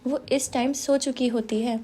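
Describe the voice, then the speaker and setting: A calm, soft-spoken young man, gentle and quietly in love, as a woman reading a novel aloud puts him on. The voice sits high, with a mellow, warm tone. He speaks in an even, unhurried way. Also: breathy edge. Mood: calm, tender.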